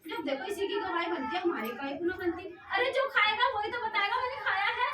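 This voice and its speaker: High-voiced woman preaching in an echoey church. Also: quick pace. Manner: animated, storytelling, acts out dialogue. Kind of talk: sermon with personal testimony. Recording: echoey church room, mic far off, noisy.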